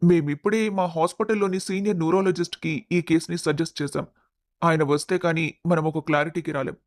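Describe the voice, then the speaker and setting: A man voicing a serious hospital doctor in a storybook, giving bad news in a measured, formal way. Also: fairly high pitch, fairly even intonation, no echo, natural voice. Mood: grave. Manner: grave, formal. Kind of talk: storybook voice acting.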